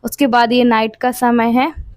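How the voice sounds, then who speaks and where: A woman in her late twenties talks straight to her viewers in a casual home vlog. She rambles warmly through her story, circling back and repeating herself, and her voice sits a bit higher than most women's. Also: fairly even intonation, unhurried, dry recording. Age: 20s. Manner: chatty, tells things at length with small repeats. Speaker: vlogger and mother.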